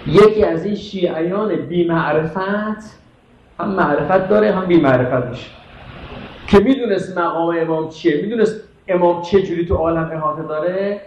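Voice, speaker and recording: Impassioned high-voiced male preacher, echoey hall. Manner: impassioned, rhetorical questions to the audience. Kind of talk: sermon. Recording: echoey muffled hall recording with faint noise.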